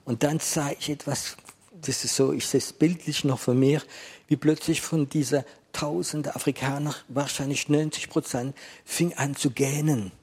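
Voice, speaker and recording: A man's voice: a little high, steady tone, normal speed, darkish tone, husky. A man preaching a sermon, asking the listener questions and repeating phrases for emphasis.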